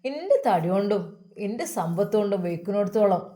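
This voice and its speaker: A woman's voice: mid-range voice, expressive, a little fast, dark tone, close to an everyday voice. A woman voicing a devout, tender elderly mother with a Malappuram Malayalam accent, talking fondly and full of blessings. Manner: fond, blessing and doting.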